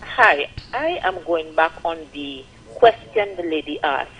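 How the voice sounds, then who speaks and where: A woman's voice: low-pitched, sing-song, unhurried, fairly bright tone. A woman caller speaking over a landline phone, challenging and confrontational. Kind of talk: call-in radio talk. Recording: muffled landline phone line.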